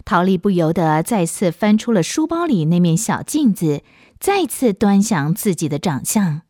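A woman narrating a children's story in a gentle, expressive storytelling manner on a close studio mic. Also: on the low side, moderate pace, no echo.

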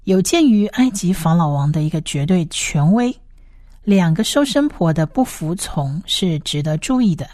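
A woman teaching a Bible study lecture, explaining passages in a steady way and reading scripture aloud. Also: on the low side, normal speed, dry recording, clean studio sound.

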